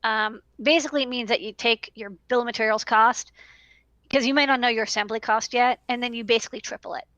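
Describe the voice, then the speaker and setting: Fast and fairly bright, with a high-leaning voice and fairly even intonation, an electronics business owner in her thirties offers advice on a casual livestream. The headset audio is dry, from a small room, and she repeats words emphatically.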